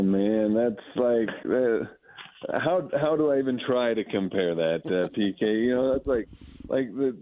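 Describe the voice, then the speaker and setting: An American sports anchor, appearing as a radio guest over what sounds like a phone line, offers effusive, conversational analysis. His voice is lowish, and he often rephrases mid-thought.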